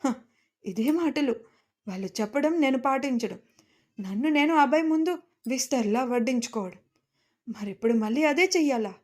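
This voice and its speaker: A woman's voice: high voice, expressive, moderate pace, long pauses. A woman narrating a first-person audio story with emotion, turning to speak directly to her listeners.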